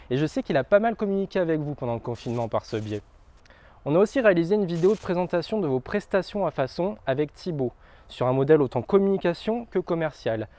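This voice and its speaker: A man's voice: a little high, a little mellow, dry recording. A man giving a scripted corporate presentation as a video producer.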